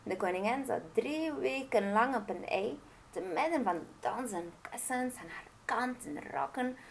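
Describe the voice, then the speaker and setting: Expressive woman reading a fairy tale. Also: on the high side, gravelly. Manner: expressive storytelling. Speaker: storyteller.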